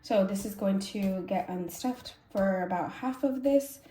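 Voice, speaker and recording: This budgeting channel host has a mellow, mid-range voice and a measured pace, though she's sniffly and congested. Chatting casually, she works through cash stuffing and corrects herself while thinking aloud; the room is echoey with faint noise.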